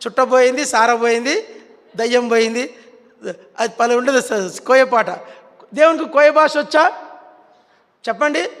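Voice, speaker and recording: A male preacher with a Telugu accent and a very high voice, leading a sermon and getting his listeners to call out words after him. His voice rings with the long reverb of a big hall. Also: a little slow, pauses often, fairly bright tone. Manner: coaxing the congregation to repeat words after him.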